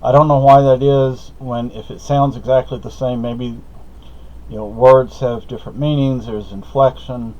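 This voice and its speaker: Speaking at normal speed in a steady, mid-range voice with a darkish tone, a middle-aged man from Spain, a native Spanish speaker, vlogs a meandering personal story. He fills it with hesitations and self-corrections, captured in slightly dull lo-fi sound.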